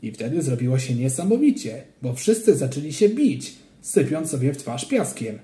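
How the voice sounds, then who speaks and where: Guy reading a kids story, animated, mellow tone, echoey room. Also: medium pitch, moderate pace. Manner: lively expressive reading. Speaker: audiobook reader. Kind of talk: scripted storybook narration. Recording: roomy echo.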